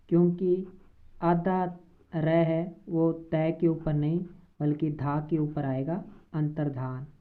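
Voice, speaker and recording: A low-pitched woman teacher talks slowly and carefully through an exam-prep lesson, repeating each word after she reads it. The sound is thin and tinny, like it is coming over a phone line.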